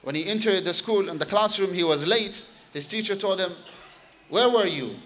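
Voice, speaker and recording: A man preaching a sermon to his congregation, telling a story with animated emphasis and quickly reciting Arabic phrases. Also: high-pitched, low-quality recording.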